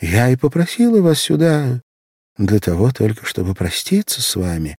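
A man reading the lines of a timid, frightened young woman in a story, speaking quietly and guilelessly. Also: medium pitch, big pitch swings, moderate pace, husky, no echo, studio quality, voice pushed up.

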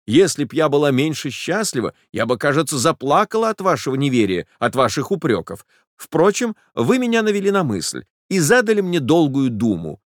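An eager, tender young woman, as a male reader puts her on, who speaks quickly and breaks into exclamations. She comes across in a close, dry audiobook reading. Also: on the high side, sing-song, dry recording, voice pushed up. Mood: excited. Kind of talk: audiobook character voice.

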